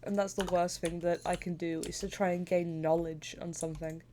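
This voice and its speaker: A woman's voice: lowish voice, flat delivery, fairly quick, warm tone, slight background noise. A woman streamer chatting casually and playfully while gaming, laughing often and sniffly with a stuffy cold.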